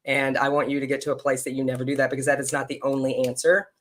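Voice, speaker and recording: A man's voice: mid-range voice, completely flat delivery, rapid-fire. A man hosting a casual podcast conversation, chatty, blunt and teasing with his guest. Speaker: podcast host.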